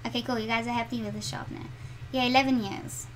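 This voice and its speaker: Quick-paced and on the high side, with fairly even intonation, this middle-aged South African-accented art channel host draws in her home studio during a live stream, reading viewers' comments aloud and chatting with them. The recording is rough, with a little hiss or hum.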